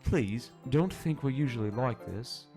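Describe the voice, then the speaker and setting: A man's voice: mid-range voice, lively intonation, measured pace, mellow, soft background music. Visual-novel read-along: man voicing a reserved young woman, mock British accent slipping Australian, hesitant. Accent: put-on British, drifting toward Australian. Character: shy bookish young woman. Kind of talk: reading a visual novel aloud with friends.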